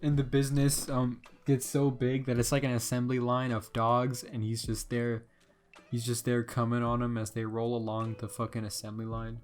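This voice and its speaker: A young man co-hosting a comedy podcast, riffing crude, deadpan jokes over faint background music. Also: medium pitch, normal speed. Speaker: podcast co-host. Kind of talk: casual comedic chat.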